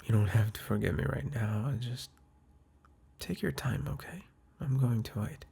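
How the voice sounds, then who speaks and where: In this ASMR-style audio, a man as the listener's boyfriend whispers a tender apology into a close microphone. His husky, breathy voice is medium in pitch with lively intonation and a moderate pace, and he speaks softly and hesitantly, with sighs and restarts.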